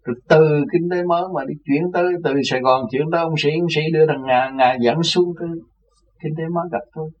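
A man's voice: fairly high pitch, fast. A man, a religious teacher recounting his life in a rambling way and repeating words. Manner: rambling, repeats words, acts out others' voices. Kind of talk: casual spoken recollection. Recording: distant, dull mic with faint noise.

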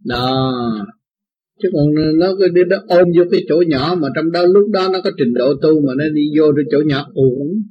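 A man with a Southern Vietnamese accent teaches his followers in a blunt, folksy way, full of anecdotes. His voice sits a little high and sounds husky. The recording is dull and lo-fi. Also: normal speed. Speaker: spiritual teacher. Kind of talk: informal religious talk to followers.

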